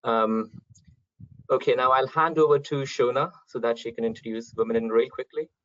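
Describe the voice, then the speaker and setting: A man's voice: mid-range voice, moderate pace, fairly bright tone, no room sound. A young man hosting an online talk, introducing speakers with many ums over a computer mic. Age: young adult. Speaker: event host, chairman. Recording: dry, dull lo-fi call audio.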